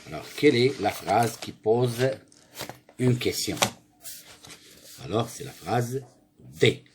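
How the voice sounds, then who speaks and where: Over a noisy background, a man with a mid-range voice speaks slowly and expressively as he teaches primary school grammar. He reads and explains the exercises, asks questions and answers them himself, and corrects any slips.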